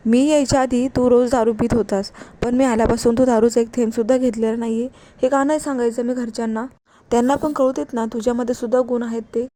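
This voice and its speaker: A showy young daughter-in-law talks eagerly and won't let her point drop, read out by a woman. The voice is fairly high and mellow. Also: fairly even intonation, fast talker, close to an everyday voice. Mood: insistent. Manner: eager and insistent.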